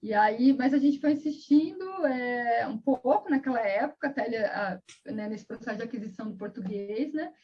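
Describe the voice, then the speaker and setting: A woman guest and mother talking casually in an interview, telling stories quickly with quoted bits of dialogue, heard over a video call. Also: a little high, a little mellow, husky. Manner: fast, chatty storytelling with quoted dialogue. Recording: dull lo-fi sound.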